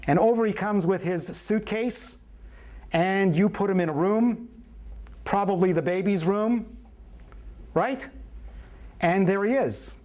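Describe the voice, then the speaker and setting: A man's voice: high voice, slow, long pauses, darkish tone. A man teaching a prenatal class as an obstetrician, in a playful, folksy storytelling manner with questions to the room. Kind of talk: live classroom lecture.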